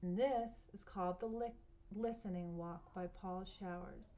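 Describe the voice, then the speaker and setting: Woman reading a picture book to kids. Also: a little high. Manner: gentle, asks the listening children questions. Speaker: children's story reader. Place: at home.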